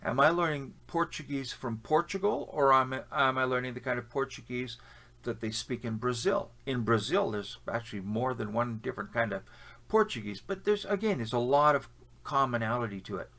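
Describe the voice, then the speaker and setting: Fairly quick and animated, this Canadian man's mid-range voice has a gravelly edge and a slightly bright tone. As a language-learning vlogger, he talks casually to the camera, offering opinionated advice with many fillers and restarts.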